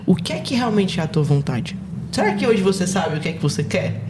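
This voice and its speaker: A woman guest on a faith podcast who talks quickly and tells stories with animation, often restarting her sentences. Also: on the low side, very animated, noisy background. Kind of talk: casual faith podcast conversation.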